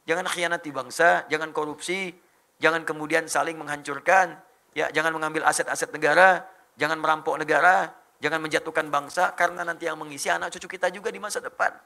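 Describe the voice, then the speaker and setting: A man's voice: fairly high pitch, fairly even intonation, fast talker, creaky, sharp tone. A male Islamic preacher giving a rousing religious lecture to an audience, exhorting his listeners and mixing in joking asides.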